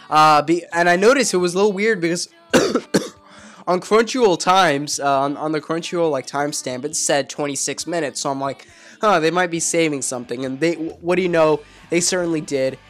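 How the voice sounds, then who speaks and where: Sick hoarse guy rambling thru an anime review, kinda higher voice, faint music behind. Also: normal speed, a bit bright. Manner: rambling, filler-heavy, self-correcting. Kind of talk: casual video review.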